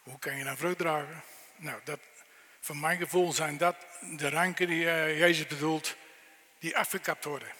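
A man's voice: on the high side, steady tone, normal speed, sharp tone. A middle-aged man preaching a sermon, asking the listeners earnest, direct questions. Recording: long reverb in a church hall.

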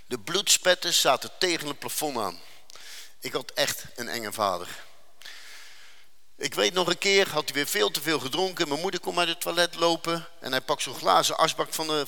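Man, testimony speaker, earnest and dramatic, slowing for weight, bright voice. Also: medium pitch, creaky, big-room sound. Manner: earnest, dramatic storytelling with slowed emphasis. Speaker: speaker giving a faith testimony. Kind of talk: personal testimony.

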